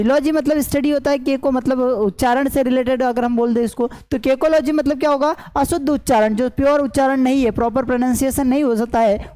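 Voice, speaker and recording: A woman's voice: sits high, dark tone, rough recording. A woman teaching English root words as an online class teacher, explaining each word and then asking and answering her own questions. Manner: repetitive question-and-answer teaching, many fillers. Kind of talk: explaining lesson in Hindi with English terms.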